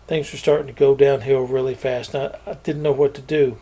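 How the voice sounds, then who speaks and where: A man's voice: medium pitch, level tone, fairly quick, mellow. A middle-aged man, reading his own novel aloud and telling its backstory in a folksy way. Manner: folksy storytelling with homespun sayings. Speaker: author.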